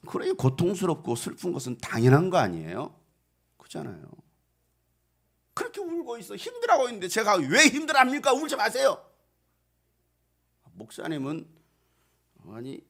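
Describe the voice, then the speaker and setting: A middle-aged man preaching a sermon in a small church, dramatic, asking the congregation questions and answering them, dropping to hushed asides and rising to loud cries. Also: very high voice, vocal fry. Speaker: pastor.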